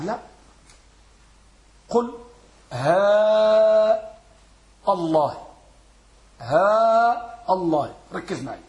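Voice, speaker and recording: A man teaching Arabic grammar in a classroom, quizzing his students and repeating words slowly to drill them. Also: sits high, a bit bright, roomy sound. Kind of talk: classroom lesson with questions to students.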